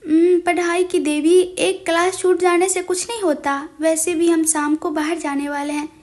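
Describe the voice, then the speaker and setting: A woman's voice: very high voice, steady tone, moderate pace, darkish tone. A woman voicing a bossy teasing young man. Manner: teasing, mock-threatening.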